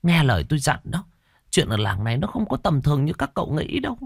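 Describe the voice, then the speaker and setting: A man voicing a nervous middle-aged woman innkeeper who stammers out hurried warnings in a ghost storybook reading. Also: fairly high pitch, huge pitch swings, vocal fry, breathy edge, dry recording, clean studio sound, voice pushed up, full character voice.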